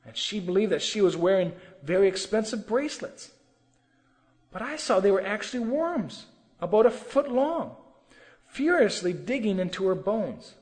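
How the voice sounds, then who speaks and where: Man, sermon testimony, emotional, high animated voice. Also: moderate pace, big-room sound. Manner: earnest, emotional storytelling. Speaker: testimony preacher.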